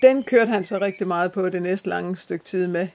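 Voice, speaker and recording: A woman's voice: on the low side, warm tone. A woman recounting personal experiences in a hesitant way, with many restarts. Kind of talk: personal storytelling.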